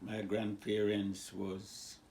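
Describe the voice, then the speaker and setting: A man in his nineties with a Jamaican accent, slowly and haltingly telling his life story, searching for words. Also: lowish voice, completely flat delivery, gravelly, a little mellow, a little hiss or hum. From born in Cuba, raised in Jamaica. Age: 90s. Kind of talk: casual interview.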